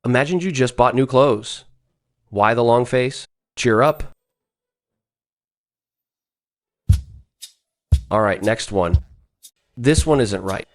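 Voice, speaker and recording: A man's voice: mid-range voice, animated, unhurried, no echo, studio quality, faint music behind, lightly acted. A man playing a provocative, protective designer in an English-dubbed drama, teasing and assured. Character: smooth-talking, provocative male designer, protective senior colleague.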